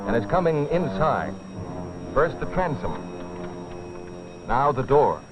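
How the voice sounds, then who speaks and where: Speaking slowly with big swings in his medium-pitched voice, a man delivers grave, urgent, theatrical narration for a safety training film framed as a dramatic scripted story. It sounds like a dull vintage film soundtrack, music included.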